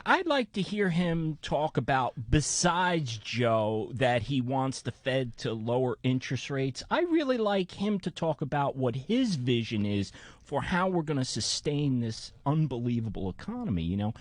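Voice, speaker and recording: A man's voice: mid-range voice, big pitch swings, normal speed, dry recording. Easygoing New Jersey man, radio guest. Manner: earnest, explanatory, easygoing. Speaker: accountant guest. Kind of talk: radio interview.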